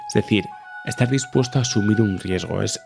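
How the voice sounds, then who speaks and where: A man's voice: on the low side, fairly quick, creaky, music in the background. A man hosting a psychology podcast, explaining in a conversational way and often checking in with the listener. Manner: conversational, frequent tag questions. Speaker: podcast host.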